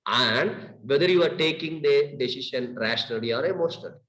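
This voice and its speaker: A middle-aged man with an Indian English accent gives a lively classroom lecture, firing off questions in long lists. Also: mid-range voice, brisk, roomy sound, rough recording.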